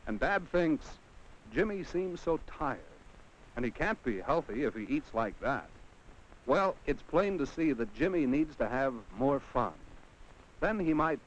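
A slightly high-voiced American man with lively intonation narrates unhurriedly from a script, mimicking a 1950s educational film. He speaks straight to the on-screen child using rhetorical questions. Slight background noise accompanies the dull, vintage 1950 soundtrack.

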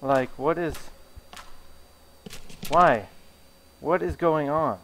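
A man's voice: a little high, very slow, fairly bright tone, slight background noise, rough recording. A young man giving live commentary on a horror game, jumpy and profane, laughing and talking back to what happens on screen. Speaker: streamer. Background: game music.

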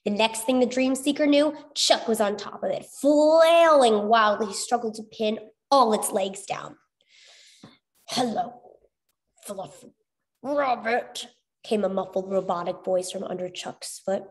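A woman narrating a children's storybook aloud with clear, expressive reading. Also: on the high side, moderate pace, hardly any pauses. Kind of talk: storybook read-aloud for young readers.

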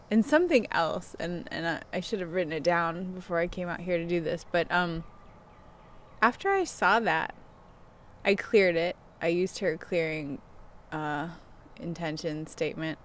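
Low-pitched woman, candid self-help influencer, noisy outdoors. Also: a bit bright. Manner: self-help influencer talk, candid and personal, frequent laughing asides. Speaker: self-help vlogger who gives coaching sessions. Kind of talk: casual confessional self-help video chat. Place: outdoors on a wooden deck. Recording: clear outdoor background noise.

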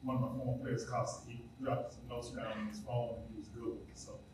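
A coach giving a plain, relaxed thank-you speech from quick notes at a school ceremony. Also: male voice, mid-range voice, background noise. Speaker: athletic director and coach. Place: school gathering space with a live audience. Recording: echoey room, voice from far off.

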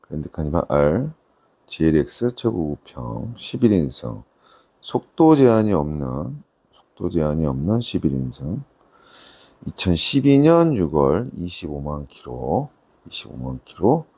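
A middle-aged man giving casual, unscripted used car salesman patter, repeating his selling points in a husky, gravelly voice. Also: extremely low pitch, big pitch swings, a little slow, a little mellow. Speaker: used car dealer presenting a car.

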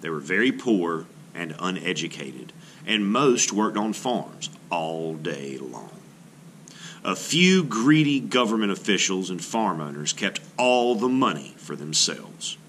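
A middle-aged man, reading as an art teacher would, narrates a children's nonfiction book in a clear, measured and expressive manner. His voice sits low, and there's slight background noise.

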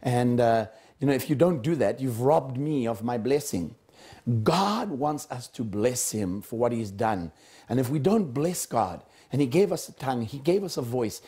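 A man's voice: mid-range voice, mellow. A man from Africa speaking earnestly about worship, often stumbling and restarting his sentences. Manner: earnest, with frequent stammered restarts. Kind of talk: impassioned spoken testimony.

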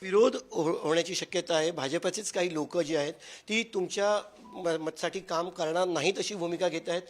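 A man's voice: high-pitched, moderate pace. A man, a field reporter pressing an interviewee with questions.

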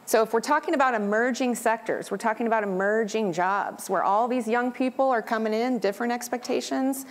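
A woman speaking as a union leader in a panel discussion at a conference, passionate and rallying, often tagging on rhetorical questions. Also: fairly high pitch. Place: conference event room.

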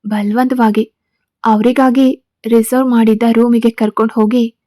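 Woman storyteller reading a serial aloud, mellow tone, somewhat high voice. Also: level tone, a little slow, dry recording. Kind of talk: scripted narration of a serial story.

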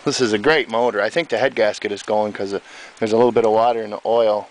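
A fast-talking man with a low-leaning, steady voice gives casual, rambling commentary on a mechanical project of his, in a folksy style. He's outdoors in an overgrown yard talking into a handheld camera, and its mic yields a rough, hissy recording.

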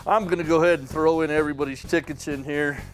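A man's voice: fairly high pitch, fairly even intonation, fast talker. A middle-aged man hosting a membership sweepstakes drawing, talking in a folksy, upbeat way as he reads out winners and their towns in a wood-paneled room. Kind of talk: casual announcing to camera.

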